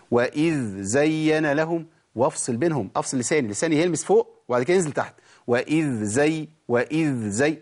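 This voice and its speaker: A man's voice: a little high, a little mellow, husky. A man with an Egyptian accent teaching Quran recitation, asking rhetorical questions and answering them himself. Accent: Egyptian Arabic. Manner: explains with rhetorical questions, then slow drawn-out recited examples. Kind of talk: tajweed lesson.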